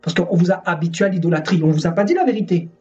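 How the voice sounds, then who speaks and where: High-voiced fervent preacher man. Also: rapid-fire, warm tone. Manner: fervent, repetitive, scolding. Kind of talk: sermon. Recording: distant dull sound with music.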